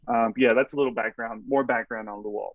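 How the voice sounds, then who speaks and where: Casual male podcast guest, mid pitch, rambling storyteller, muffled dry mic. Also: steady tone, brisk, no echo. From Texas. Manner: rambling, lots of "like" and "you know". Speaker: podcast guest, strength coach.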